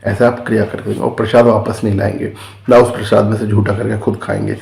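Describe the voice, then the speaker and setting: Low-voiced man explaining a ritual, roomy echo. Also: little pitch movement, quick pace, vocal fry, darkish tone. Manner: patient, repeats steps, frequent "ठीक है" check-ins. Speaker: spiritual teacher. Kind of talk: casual spoken instruction on a ritual remedy.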